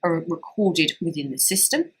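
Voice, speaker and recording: A woman acting as a trainer narrates a scripted software tutorial, walking through each step in an instructional way. Her voice is low and slightly breathy, at a normal pace.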